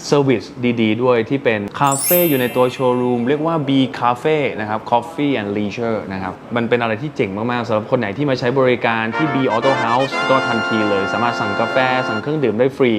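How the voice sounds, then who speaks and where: A man's voice: mid-range voice, fairly quick, hardly any pauses, music in the background. A man hosting a casual vocabulary lesson in a car showroom, patiently explaining words and spelling them out letter by letter, with polite particles at the ends of his sentences. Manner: polite, with frequent soft sentence-end particles. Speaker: English teacher and show host.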